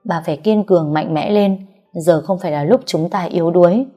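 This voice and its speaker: A woman's voice: on the low side, a little fast, dark tone, soft background music, close to an everyday voice. A woman voicing a worried middle-aged father who talks firmly and reassuringly to his wife. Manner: firm, reassuring. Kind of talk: audiobook character reading.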